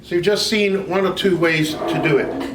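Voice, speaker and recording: A man's voice: high voice, steady tone, moderate pace, background noise. A man giving a humorous speech to a club audience, joking and talking directly to the crowd. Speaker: guest speaker at a speaking club. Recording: echoey room, voice far from mic.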